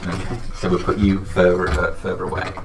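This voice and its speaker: A man's voice: low-pitched, monotone, brisk, creaky, background noise. A man acting as game master, talking casually to players at a tabletop game. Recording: roomy echo.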